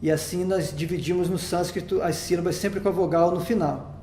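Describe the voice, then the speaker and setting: A Brazilian man with a high voice teaches a lesson patiently, one step at a time, pausing to check that his listeners follow. The recording is roomy, with a clear echo around his voice. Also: steady tone, dark tone, a little hiss or hum. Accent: Brazilian Portuguese. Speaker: Sanskrit teacher.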